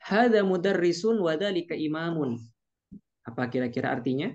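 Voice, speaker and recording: A man's voice: a little high, expressive, a little mellow, muffled recording. Patient male Arabic teacher on a call. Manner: patient, stretches out Arabic phrases slowly. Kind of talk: online class teaching.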